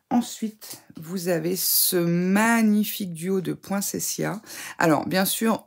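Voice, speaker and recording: A woman who is ill talks to camera in a relaxed, chatty way, full of fillers and eager praise. Her voice sits low and sounds rough and fry-laden, with a breathy huskiness from her cold. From France. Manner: enthusiastic, chatty, many fillers and gushing praise. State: sick, voice affected. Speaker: scrapbooking crafter reviewing a subscription box. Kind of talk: casual unboxing chat to camera.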